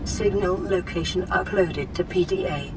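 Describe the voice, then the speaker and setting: A woman voicing a calm female computer assistant who gives flat, clipped alerts and countdowns. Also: on the low side, measured pace, natural voice. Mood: calm, clinical. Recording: loud noise behind game audio.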